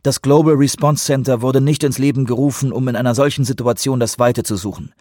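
A man voicing a blunt, combative male CIA director in an audiobook reading, brusque and forceful. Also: mid-range voice, steady tone, fairly quick, no room sound, studio quality, voice pushed up, natural voice.

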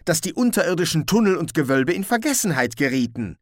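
A man voicing an earnest, calm young watch captain in an audiobook. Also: fairly high pitch, a little fast, no echo, studio quality, voice pushed up.

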